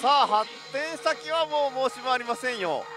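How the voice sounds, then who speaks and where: A man giving excitable live play-by-play commentary on a pachinko game, speaking into a headset mic. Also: very high-pitched, moderate pace. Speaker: pachinko show host. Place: busy pachinko hall, indoors. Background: loud game-machine music.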